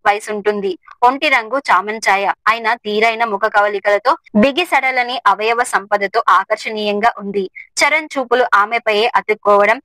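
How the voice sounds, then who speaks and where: A woman narrating a scripted story in a steady, expressive reading. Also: mid-range voice, no room sound, poor audio.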